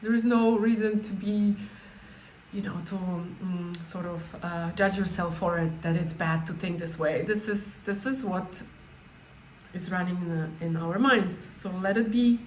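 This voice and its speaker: A woman coach leading an informal guided meditation, speaking off the cuff in a halting way and often rephrasing herself. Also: fairly low pitch, steady tone. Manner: halting, spontaneous, with repeated words and rephrasing. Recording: echoey room with faint background noise.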